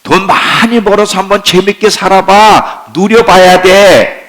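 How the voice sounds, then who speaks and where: A man's voice: steady tone, measured pace, rough recording. A man voicing the world personified as a pushy tempter who urges the listener to enjoy life. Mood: urging. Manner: wheedling, urging, speaking louder and higher.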